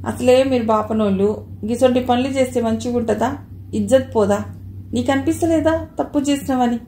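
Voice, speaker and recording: A woman's voice: on the high side, moderate pace, warm tone, natural voice. A woman reading the lines of a middle-aged housewife who comforts and chides a crying girl in Telangana Telugu. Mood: chiding comfort. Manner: soothing, then chiding. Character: kind but stern housewife, middle-aged. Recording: roomy echo, faint noise.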